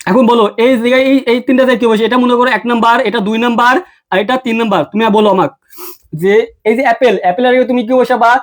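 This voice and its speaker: A man's voice: very high voice, steady tone, very fast. A young man teaching an exam-prep English lesson, drilling the listener with repeated questions and answers and calling them brother. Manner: addresses the viewer as brother. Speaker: English tutor.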